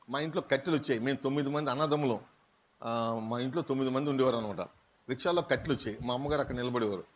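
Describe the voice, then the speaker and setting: A man from Andhra Pradesh preaches in a conversational, storytelling way. He keeps asking the congregation questions and slips English words into his talk. His pitch sits in a middle range, and a faint noise hangs behind him. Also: fairly bright tone. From Andhra Pradesh, India. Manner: asks the congregation questions and acts out quoted speakers. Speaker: pastor. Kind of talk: sermon.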